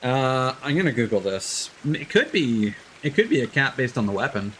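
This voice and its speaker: Over loud video game music, a man with a medium-pitched, sing-song voice talks at normal speed through his live stream, casually analyzing his play out loud. The audio quality is poor, with a faint hiss or hum.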